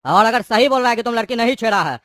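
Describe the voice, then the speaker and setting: A man's voice: extremely high pitch, expressive, racing, very noisy. A voice actor playing a hot-tempered male gangster in a cartoon, taunting and threatening. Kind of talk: cartoon voice acting.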